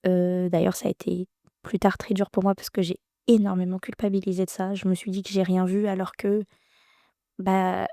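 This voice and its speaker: Warm-voiced woman telling a hard story. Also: mid-range voice, flat delivery, creaky, no room sound, clean studio sound. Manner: halting, emotional, many restarts. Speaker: podcast guest. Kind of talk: personal storytelling.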